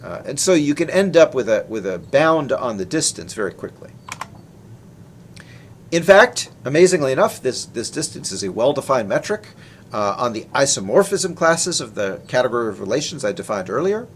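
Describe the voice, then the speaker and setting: A male researcher presents his work in a technical lecture, explaining it in a conversational, informal way. His medium-pitched voice is very animated at a moderate pace, with a slight hiss or hum on the recording.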